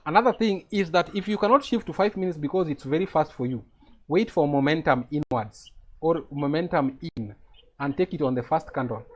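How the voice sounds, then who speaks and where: A man with a Kenyan accent and a fairly high-pitched voice teaches a live trading lesson over a video call at a fairly quick pace. He explains step by step and checks that his students are following.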